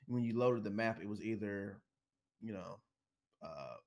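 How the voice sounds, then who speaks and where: A man's voice: on the low side, expressive, a little slow, creaky, a little mellow. A man co-hosting a casual gaming podcast over voice chat, laid-back and rambling, swearing often. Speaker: podcast co-host.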